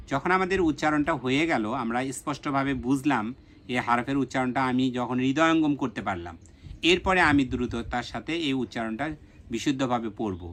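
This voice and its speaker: A man teaching Quran reading in a recorded online lesson, slowly sounding out letters and syllables one at a time and repeating each one. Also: mid-range voice, fairly bright tone. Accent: Bangladeshi Bengali.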